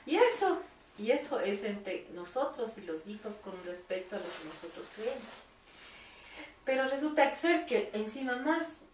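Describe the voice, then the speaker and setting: A woman with a mid-range voice reflects and explains her ideas to a church group. She is recorded from a distance in a roomy space, with clear background noise. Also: on the high side, big pitch swings, measured pace. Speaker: church cell group member. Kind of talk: casual group discussion.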